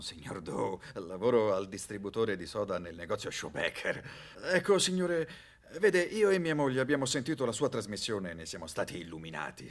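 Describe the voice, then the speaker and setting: A man's voice: fairly low pitch, a bit bright, slightly rough, full character voice. An actor dubbing an earnest, shy middle-aged male soda clerk into Italian, telling a long story in a rambling, eager manner. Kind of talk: dubbed film dialogue.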